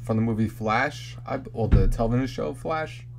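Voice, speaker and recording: A man's voice: medium pitch, moderate pace, creaky, faint music behind. A man hosting a casual horror podcast, introducing the films and laughing easily. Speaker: podcast host.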